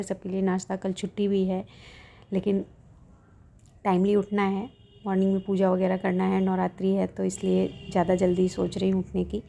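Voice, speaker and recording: A woman vlogging about exam preparation, giving motivational study advice in a casual way, speaking quietly on a home veranda at night so as not to wake her family. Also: mid-range voice, gravelly. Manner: speaks softly at night to avoid waking family. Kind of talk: casual study vlog narration. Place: open veranda at home at night, fan running.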